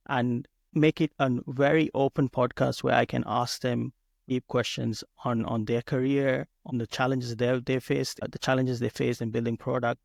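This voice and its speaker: A man's voice: mid-range voice, vocal fry, no room sound, clean studio sound. A man hosting a podcast, introducing his guest eagerly and repeating words as he goes. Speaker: podcast host.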